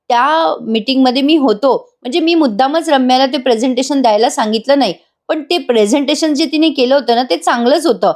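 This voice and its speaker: A woman retelling the lines of an earnest, calm young husband who explains himself hesitantly. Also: high-pitched, natural voice.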